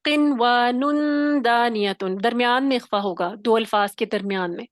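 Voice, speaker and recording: A woman's voice: mid-range voice, a little fast, no room sound, studio quality. A woman teaching Quran recitation online, who explains patiently step by step and keeps checking in with her students. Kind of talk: online tajweed class.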